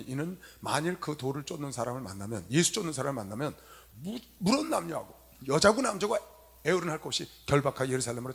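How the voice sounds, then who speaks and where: Middle-aged guy preaching, bright sharp voice, swings up and down a lot, big hall sermon. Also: medium pitch, gravelly. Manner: animated storytelling, swinging from loud emphasis to soft asides. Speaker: pastor. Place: convention hall.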